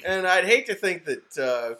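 A man's voice: high-pitched, very animated, normal speed, sharp tone, a little hiss or hum. A man cracking jokes and teasing the others in a casual podcast chat. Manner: wisecracking, teasing interjections.

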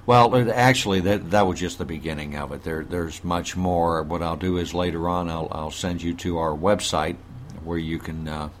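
A man's voice: deep voice, fairly even intonation, normal speed, a little hiss or hum. A man hosting a casual animal webcast, speaking in a folksy way to "folks" and often restarting his sentences. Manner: folksy, addresses listeners as folks, frequent restarts. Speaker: host.

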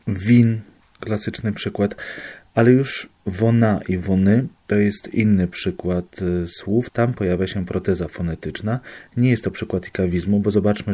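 Low, mellow-voiced man explaining. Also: slightly rough. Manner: explains patiently with examples and reassurance. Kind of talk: study explainer.

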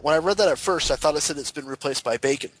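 A man's voice: on the high side, fast talker, husky. A man co-hosting a gaming show in casual, banter-style talk, swearing freely as he goes. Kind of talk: casual video game banter.

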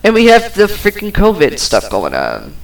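A woman's voice: mid-range voice, huge pitch swings, moderate pace, vocal fry, low-quality recording. A woman hosting her own podcast, ranting in a rambling way, swearing now and then and trailing off with fillers. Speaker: podcast host. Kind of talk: personal podcast rant.

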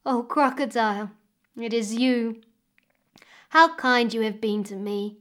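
A woman voicing a gentle, lonely young village girl who speaks softly and sadly. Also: a little high, slow pace.

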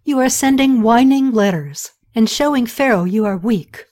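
A woman voicing an imperious, hot-tempered ancient queen who fires off sharp demands. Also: on the high side, expressive, moderate pace. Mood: commanding.

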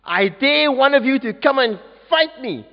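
A man reads aloud as a boastful giant warrior, taunting an army. The voice sits high and jumps widely, slow and deliberate. It comes through dull and roomy, with a long church reverb. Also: animated, exaggerated voice. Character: boastful giant male warrior, roaring challenge. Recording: dull echoey church recording.

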